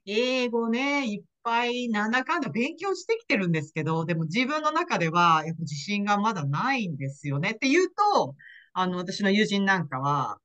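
A woman's voice: mid-range voice, big pitch swings, brisk, a bit bright, muffled recording. A woman hosting a podcast interview in casual chat, often nodding along with short agreements and laughing. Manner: frequent nodding backchannels and laughter. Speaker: podcast host, ICU nurse.

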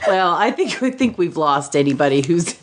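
Woman guest co-host, unhurried and giggly, casual podcast chat. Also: on the low side, big pitch swings, a little hiss or hum. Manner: giggly, halting with likes and you-knows. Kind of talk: reading aloud and casual chat.

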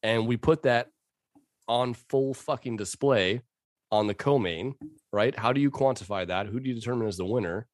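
A man's voice: medium pitch, normal speed, no echo, clean studio sound. A man co-hosting a casual sports podcast, joking and swearing freely. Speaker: podcast co-host. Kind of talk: casual chat.

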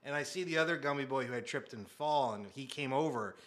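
Thirties man, guest storyteller, bright and punchy, flips into quoted voices and low asides. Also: fairly quick. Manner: animated, acts out quotes, drops to muttered asides. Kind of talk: casual comic storytelling.

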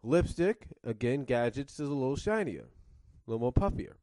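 A man's voice: medium pitch, lively intonation, normal speed, a little mellow, slight background noise. A man reviewing cartoons in casual commentary, rambling and circling back to rephrase, coughing now and then with a cough drop in his mouth.

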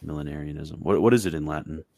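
A man with a very low voice hosts a casual livestream chat over a video call. He thinks aloud, often restarting his sentences. His sound is close and dry, with no room around it. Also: normal speed, no room sound. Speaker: host.

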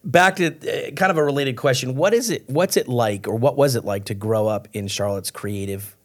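A man's voice: medium pitch, normal speed. A man hosting a podcast, chatting with enthusiasm. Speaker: podcast host. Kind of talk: casual podcast chat.

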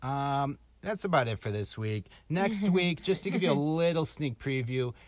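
A man's voice: fairly high pitch, expressive, normal speed, no room sound. A man co-hosting a podcast in casual, informal chat, musing and rambling as he goes, recorded in a small closet. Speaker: podcast co-host giving astrology forecasts. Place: small closet at home, door slightly open.

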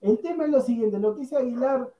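A man's voice: extremely high pitch, brisk, dark tone, recorded from a distance. A man hosting a casual football podcast over a video call, playfully cutting in to keep order and calling people "señor". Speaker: podcast host moderating the debate. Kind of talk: casual football debate chat. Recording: echoey room, dull lo-fi sound.

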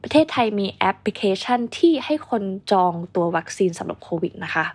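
A woman's voice: medium pitch, animated, a little fast, gravelly, husky. A young woman hosting a casual vocabulary lesson. She chats along, explains words and models example sentences. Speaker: English teacher, show host.

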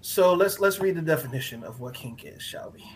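Animated, high-voiced man hosting a podcast. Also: a little fast. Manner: joking, profane, laughs often. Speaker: podcast host. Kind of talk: casual chat.

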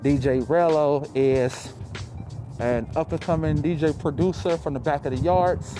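High-pitched man muffled behind a mask, music underneath. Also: unhurried. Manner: slightly muffled speech through a face mask; emphatic, repeats phrases. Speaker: podcast host. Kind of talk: casual motivational monologue with slang and swearing. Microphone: close podcast mic, spoken through a mask.

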